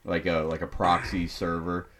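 A man's voice: low-pitched, completely flat delivery, moderate pace, fairly bright tone, a little hiss or hum. A man hosting a podcast in casual chat, jokey and swearing freely, often breaking into laughter. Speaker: podcast host.

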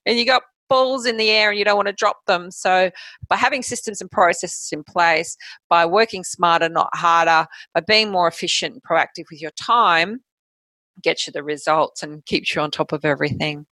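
A woman in a casual interview, talking about her coaching business in a brisk, practical way and laughing easily. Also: lowish voice, bright, forceful tone, no room sound, poor audio. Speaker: guest, health coach.

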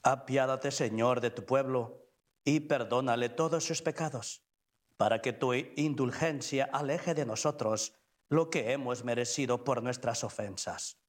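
A male priest presides at Mass in a medium-pitched voice. His delivery is that of liturgical prayer and address to a congregation. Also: measured pace.

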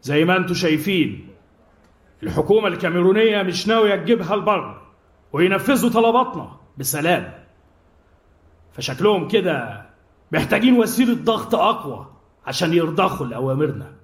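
An actor playing a cruel mercenary major who gives orders in a calm, menacing way. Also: male voice, sits high, fairly quick, long pauses. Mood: coldly calm. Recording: roomy echo with music underneath.

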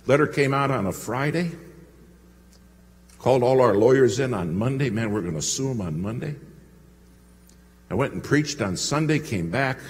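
A pastor tells a sermon story in a low voice that climbs and dips with feeling, turning to the congregation with questions. His voice rings through a large church with a long reverb. A faint hum sits under it. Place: church sanctuary.

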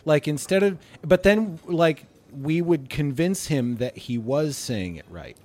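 A man's voice: fairly high pitch, unhurried. A man telling funny stories as a guest on a casual podcast, laughing often. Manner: animated storyteller, laughs often.

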